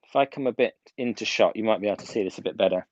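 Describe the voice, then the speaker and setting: A man's voice: lowish voice, racing, a little mellow, no echo, dull audio. A man working as a hairdressing instructor gives an informal, step-by-step live tutorial, repeating key points for emphasis. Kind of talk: live video tutorial, casual step-by-step demonstration. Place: indoors at home.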